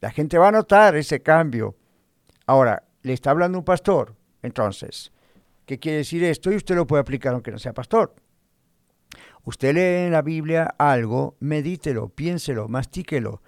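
A man's voice: fairly high pitch, animated, normal speed, no room sound, studio quality. A man pastor giving a teaching sermon, talking straight to the listener, leaning on repetition and homely everyday examples. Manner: earnest, repetitive, addresses listener directly.

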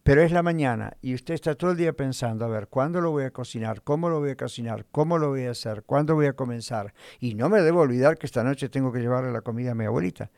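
A man's voice: medium pitch, fast, gravelly, hardly any pauses, a little mellow, dry recording. Earnest man preaching in a dry room. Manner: earnest, repetitive, addresses listener directly; uses homely everyday examples. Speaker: pastor. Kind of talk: teaching sermon.

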